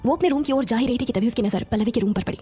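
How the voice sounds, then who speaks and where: A woman narrating a romantic audio series in a steady storytelling manner. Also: on the high side, very fast, slightly rough.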